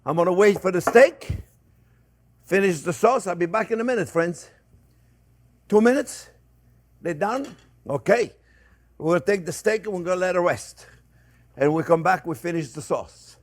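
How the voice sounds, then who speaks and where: An older man hosts a cooking show, his voice sitting high and expressive at a normal speed with long pauses. He chats casually and animatedly, warmly treating viewers as friends, and often repeats short phrases while he demonstrates.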